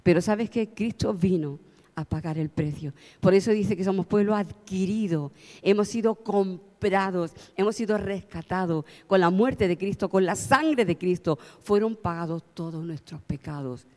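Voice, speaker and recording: A woman's voice: medium pitch, moderate pace, warm tone. A woman from preaching a sermon, telling stories heartfelt and pressing her points with emphasis. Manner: heartfelt, storytelling, rising to emphatic. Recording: long hall reverb.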